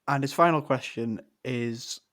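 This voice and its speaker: A man's voice: medium pitch, measured pace, fairly bright tone. A man hosting a sports podcast, asking questions and reading a rambling, informal sign-off. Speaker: podcast host. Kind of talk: podcast interview and outro.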